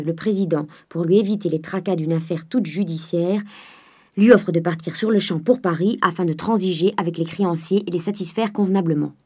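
A woman's voice: lowish voice, dark tone, breathy edge. A woman voicing a cautious male notary lecturing his nephew. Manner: admonishing. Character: prudent middle-aged male notary, scolding.

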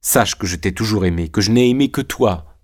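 A man's voice: lowish voice, a little fast, close to an everyday voice. A man voicing a passionate, remorseful young man in an audiobook, speaking with fervent emotion. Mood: tender.

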